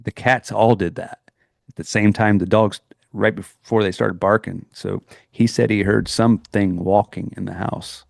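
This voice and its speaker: A man's voice: fairly low pitch, fairly even intonation, normal speed, vocal fry, dry recording, studio quality. A middle-aged man co-hosting a podcast, telling a personal story in a rambling, earnest way with many restarts. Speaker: podcast co-host. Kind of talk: casual chat, storytelling.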